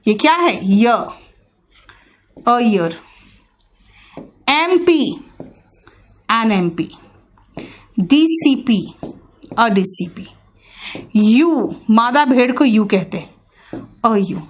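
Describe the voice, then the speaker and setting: A woman's voice: a little high, lively intonation, very slow, long pauses, highs cut off, slight background noise. A woman with an Indian accent teaching English pronunciation in an online class, patiently repeating sounds and checking that students follow.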